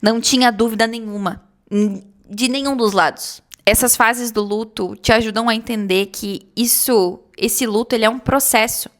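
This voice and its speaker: Woman, slightly high voice; earnest, gentle vlogger talking straight to her audience. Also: fairly even intonation, moderate pace. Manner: earnest, reassuring, addresses viewers as "gente". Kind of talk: heartfelt talk to camera.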